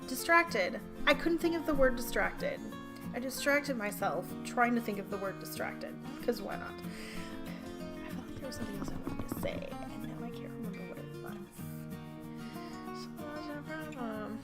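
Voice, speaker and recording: A woman's voice: on the high side, animated, moderate pace, over loud music. A woman, chatting casually and rambling as she reviews a book for her vlog. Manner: chatty, rambling with restarts and fillers.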